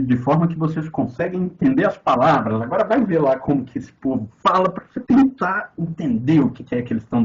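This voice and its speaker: Sarcastic mineiro teacher, animated delivery. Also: male voice, fairly high pitch, muffled recording. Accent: Minas Gerais Portuguese. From Brazil. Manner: sarcastic, swearing, swings from loud outbursts to mutters. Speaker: philosophy teacher. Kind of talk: lecture commentary on a text.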